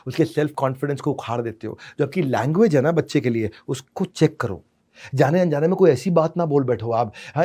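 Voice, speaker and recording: A man's voice: mid-range voice, dark tone. A man giving a dramatic, emphatic motivational lecture on parenting, with rhyming asides and English phrases mixed in. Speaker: parenting speaker.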